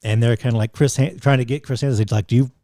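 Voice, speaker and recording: A man's voice: medium pitch, steady tone, fast, mellow, no room sound, studio quality. A man co-hosting a podcast in casual chat, rambling with many restarts and fillers. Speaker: podcast co-host.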